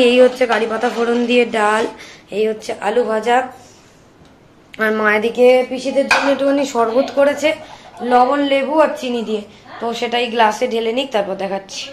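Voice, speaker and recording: A young mother talks straight to her viewers in an easy, chatty vlog manner. Her voice sits a little high for a woman, and she walks them through her day at home and out. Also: background noise. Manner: chatty, addresses viewers directly. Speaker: vlogger and mother of twin boys. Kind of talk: casual family vlog.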